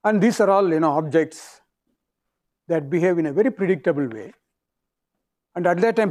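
A university lecturer with a South Indian accent gives an academic lecture in a voice a little high for a man and a little mellow. He delivers the material in halting phrases, pausing along the way.

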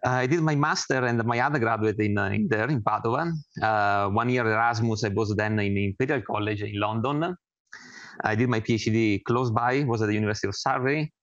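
An Italian academic with an Italian accent introduces himself and his work in an informal research presentation, speaking haltingly with many filled pauses. His voice is fairly low and a bit bright, and the audio is dull with no echo.

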